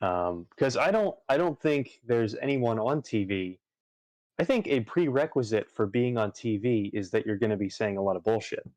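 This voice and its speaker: Low-voiced guy rambling on stream, lots of ums and restarts, dry close mic. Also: expressive, normal speed, darkish tone, no echo. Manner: rambling, many fillers and restarts. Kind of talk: casual chat while gaming on a livestream.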